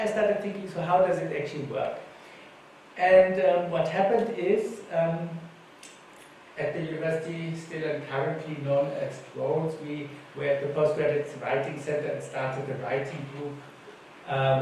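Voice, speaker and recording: This conference panelist, a native German speaker from Germany, shares informal anecdotes in a fairly high, darkish voice during a conference talk. Recorded in an echoey conference hall, the sound comes through a distant mic with faint noise.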